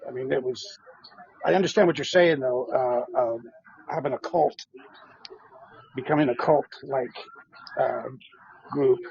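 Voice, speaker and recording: A man's voice: medium pitch, unhurried, gravelly, long pauses, darkish tone, slightly rough, muffled recording. A man calling in to a live stream, hesitant, with many fillers, correcting the host. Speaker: caller. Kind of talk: casual call-in chat.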